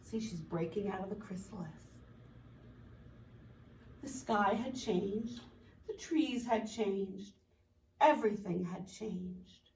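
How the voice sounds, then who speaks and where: A woman teacher reading a picture book aloud to children, expressive and explaining the pictures as she goes. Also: mid-range voice, takes it slowly, long pauses, a little hiss or hum. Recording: roomy, from a distance.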